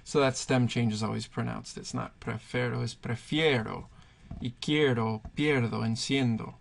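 A man's voice: mid-range voice, fairly even intonation, moderate pace, creaky, a little hiss or hum. A man teaching Spanish verb conjugations, patiently thinking aloud and pointing things out as he writes. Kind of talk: explaining grammar at a whiteboard.

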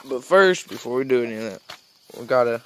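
A teenage guy with an animated, fairly quick and slightly bright voice vlogs his farm on a phone held at arm's length. Rambling outdoors and in an open wooden barn, he points out the barn, the animals and a trailer, and talks to the animals in a high baby voice.

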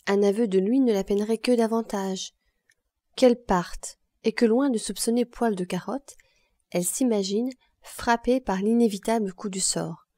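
Mellow-voiced woman reading an audiobook. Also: medium pitch, normal speed, no room sound, clean studio sound. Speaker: audiobook reader. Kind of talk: audiobook narration.

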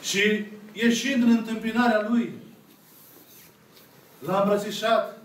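With little pitch movement, the high-sitting voice of a Romanian-accented Orthodox priest in his thirties carries a parable-based sermon to a seated congregation. He goes slowly and emphatically, pausing for drama and voicing each character. The sound is echoey and distant, taken by a camera at the back of the small church.

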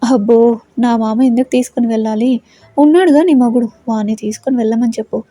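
A woman's voice: a little high, fairly quick, dark tone, no room sound, close to an everyday voice. A woman voicing a cheeky young woman who teases and mocks her cousin. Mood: mocking. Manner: mocking, teasing.

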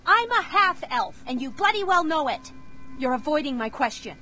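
A shrill half-elf girl, very high, swoops all over, bright. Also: very animated, moderate pace, a little hiss or hum, full character voice. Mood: furious. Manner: shouting insults, pleading. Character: fierce young half-elf woman, furious and desperate. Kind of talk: game voice acting.

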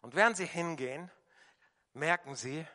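A man preaching a sermon with emphatic delivery, dropping to a hushed voice when he quotes prayers. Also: a little high, normal speed. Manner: emphatic, varies loudness, quiet voicing of quoted prayers. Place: church hall. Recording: long church reverb.

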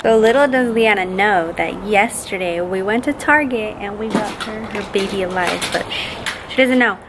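A woman's voice: medium pitch, moderate pace. A woman in her twenties chatting casually to her vlog camera, two days after having her wisdom teeth out. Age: 20s. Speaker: family vlogger and mother. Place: home kitchen, front yard and parked or moving car. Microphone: camera at arm's length. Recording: clear background noise, household and car hum.

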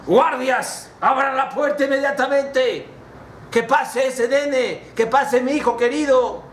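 A man's voice: high voice, steady tone, a little slow, fairly bright tone, voice pushed up. A commanding king and father gives emphatic orders in a raised voice, as a man acts him out. The accent is Mexican Spanish. The room is echoey, with a faint hum of ambience. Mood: loving. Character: stern king father, then loving and forgiving.

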